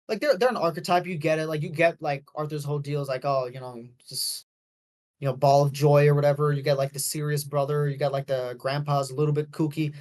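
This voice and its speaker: A man co-hosting a podcast, chatting casually about a movie, rambling with lots of fillers and restarts. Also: fairly high pitch. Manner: rambling, heavy on fillers, self-correcting. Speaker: podcast co-host.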